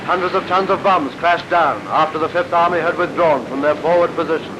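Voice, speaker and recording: A man narrating a 1940s newsreel in a brisk, declamatory announcing manner, with the sound of an old newsreel. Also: fairly high pitch, very noisy. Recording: dull lo-fi 1940s newsreel soundtrack under loud music.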